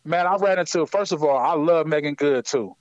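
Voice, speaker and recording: A man from Ohio telling stories in an animated way on a phone interview, full of slang and "you know what I'm saying.". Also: fairly high pitch, a little fast, no room sound, lo-fi sound. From Akron, Ohio. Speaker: guest musician. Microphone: phone line.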